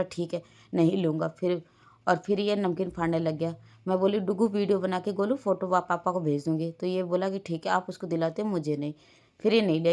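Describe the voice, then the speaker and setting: Low-voiced woman narrating her day. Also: mellow. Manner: rambling everyday storytelling, quoting her children. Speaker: vlogger and mother. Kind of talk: casual vlog voice-over narration.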